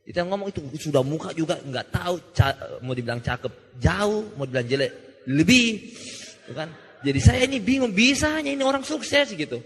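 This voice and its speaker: A young man telling a joking, animated story at a motivational seminar, acting out the voices of people he quotes. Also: sits high, fairly quick, husky. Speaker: motivational speaker. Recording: reverberant hall.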